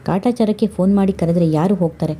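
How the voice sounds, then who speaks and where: A woman's voice: mid-range voice, quick pace, slight background noise, lightly acted. A woman voicing a bitter, sarcastic young wife in an audio story. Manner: sharp, sarcastic.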